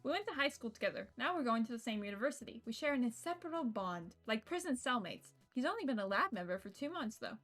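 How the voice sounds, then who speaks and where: While streaming a visual novel with its music in the background, a young adult woman jokes and rambles casually, occasionally swears and reads on-screen text out loud. She talks quickly in a slightly high, fairly bright voice with big swings in pitch.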